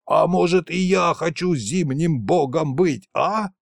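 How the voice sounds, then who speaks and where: A man's voice: fairly high pitch, takes it slowly, vocal fry, no room sound, clean studio sound, pitched above the performer's own voice, heavily acted. A man voicing a sly, fat old male trickster spirit who whines and pities himself in a folksy way. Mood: whining. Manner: self-pitying, wheedling, folksy.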